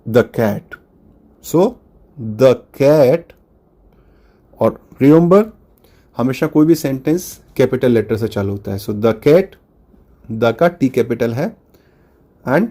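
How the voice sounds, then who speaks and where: A man's voice: mid-range voice, mellow. A man with an Indian accent teaching a school class, spelling words out letter by letter and switching between Hindi and English. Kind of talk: online class lesson.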